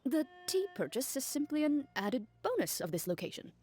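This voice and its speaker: A woman playing a calm, reserved young woman who speaks in a deadpan, measured way in a video game. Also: sits high, husky, full character voice. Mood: matter-of-fact.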